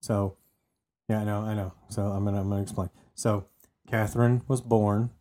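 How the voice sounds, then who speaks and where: A man's voice: fairly low pitch, little pitch movement, normal speed, dark tone. A man co-hosting a casual true-crime podcast, chatty and often repeating words as he restarts. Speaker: podcast co-host telling the story.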